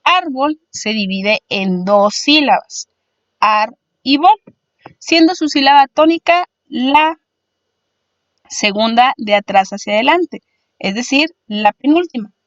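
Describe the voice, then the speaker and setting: A woman's voice: fairly high pitch, animated, a little slow, dry recording, highs cut off. A woman teacher explaining spelling rules patiently, step by step, like a voice-over lesson.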